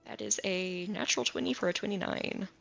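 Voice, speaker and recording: Bright-voiced woman playing a tabletop game. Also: mid-range voice, a little fast, creaky, soft background music. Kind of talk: casual narration of character actions.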